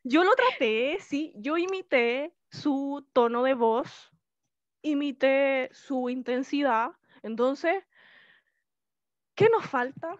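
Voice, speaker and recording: A woman teacher with a Chilean accent and a shrill voice, giving a lively online class and often checking in with her students. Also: slow, no room sound. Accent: Chilean Spanish. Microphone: video call. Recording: slightly muffled video-call audio.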